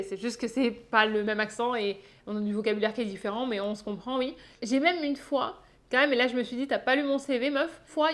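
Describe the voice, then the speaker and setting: A chatty young woman from France with a French accent and a slightly high voice. She talks to camera in a casual storytelling way and often pauses on fillers. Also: fairly bright tone. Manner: chatty, frequent "euh" fillers. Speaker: vlogger.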